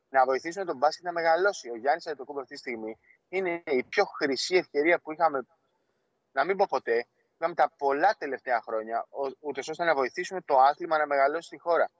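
A man's voice: fairly high pitch, no echo. A man reporting remotely for a sports show, earnest and emphatic. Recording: dull dry remote line.

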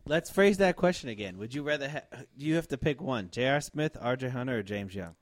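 A man co-hosting a casual sports podcast, argumentative and quick to burst into loud outrage. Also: mid-range voice, lively intonation, no echo. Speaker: podcast co-host.

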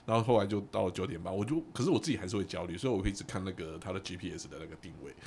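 A man co-hosting a podcast, telling a personal story in casual chat and acting out the quoted dialogue with lively energy. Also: low-pitched, racing, a little hiss or hum. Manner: animated storyteller who acts out quoted dialogue.

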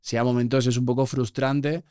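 This man speaks with a smooth, resonant voice. He sits close to the microphone in a dry room, and he tells animated anecdotes as a guest in a casual podcast chat. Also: mid-range voice, normal speed, no room sound. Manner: animated storyteller, acts out quoted voices.

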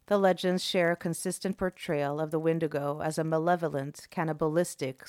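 A woman's voice: deep voice, no echo. A woman narrating scripted eerie folklore as a horror host, with a theatrical, ominous delivery.

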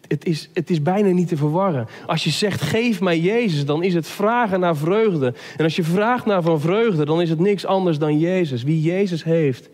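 Impassioned high-voiced male preacher in a reverberant hall. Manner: impassioned, swinging between loud pleas and hushed near-whispers; repeats words in stammered restarts. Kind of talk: sermon.

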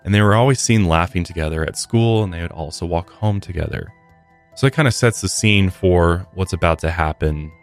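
Speaking briskly in a low voice, an American man hosts a true crime podcast over faint music. His manner is somber as he switches between scripted tales and relaxed commentary.

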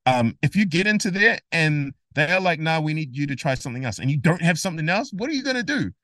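A man guest on a casual interview podcast, explaining music theory in an animated, emphatic way and acting out imagined conversations. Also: fairly high pitch, fast talker, no echo, clean studio sound.

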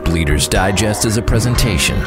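A man reading a podcast's end credits in a measured announcer's delivery. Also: lowish voice, animated. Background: loud guitar music.

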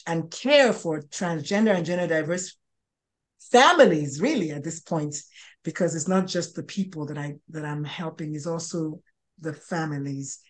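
A woman in her sixties, a pediatrician and life coach, talking as an interview guest with many restarts and fillers. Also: deep voice. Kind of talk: interview conversation.

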